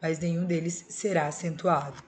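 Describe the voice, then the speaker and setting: A woman's voice: low voice, steady tone, moderate pace. A Brazilian woman teaching a Portuguese class, explaining grammar rules step by step and checking in with her students. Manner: explains step by step with tag questions. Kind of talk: recorded school video lesson.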